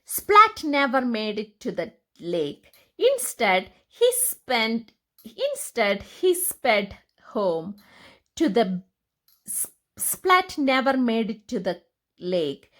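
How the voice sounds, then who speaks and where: A woman reads picture books aloud to young children, her storytelling expressive and deliberate. Her voice sits on the high side.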